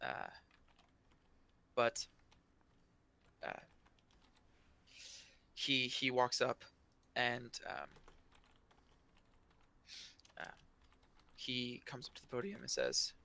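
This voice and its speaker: A man narrating as game master of a tabletop game, in a halting, hesitant way. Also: mid-range voice, big pitch swings, gravelly, sharp tone.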